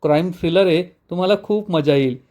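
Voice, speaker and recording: A sly young hero in a serial recap, wry about the lie he keeps, as a male narrator puts him on. The voice runs high and light. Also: brisk, mellow, lightly acted. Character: young man, sly hero hiding a secret.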